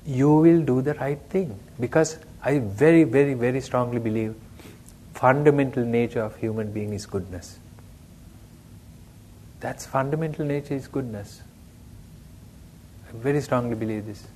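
A man's voice: mid-range voice, moderate pace, long pauses, mellow, slight background noise. A man giving a conversational dharma talk as a meditation teacher, often asking his listeners questions.

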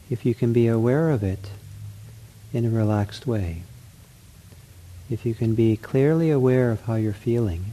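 Very mellow, gentle man guiding meditation. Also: medium pitch, low-quality recording. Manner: gentle, accepting, counselor-like reassurance; unhurried, spoken in short spaced phrases. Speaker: meditation teacher leading a guided sitting. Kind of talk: guided mindfulness meditation.

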